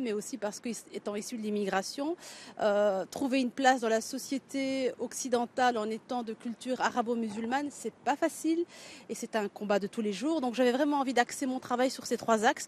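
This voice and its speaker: A woman's voice: medium pitch, darkish tone, slight background noise. A middle-aged Belgian woman, a writer and local candidate, answering interview questions thoughtfully with many hesitations and restarts.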